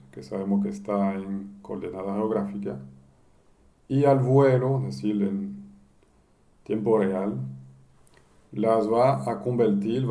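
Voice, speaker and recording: A man teaches a screen-recorded software lesson. His voice sits fairly low and sounds soft and mellow. He explains each step and often asks a question before answering it himself. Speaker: instructor.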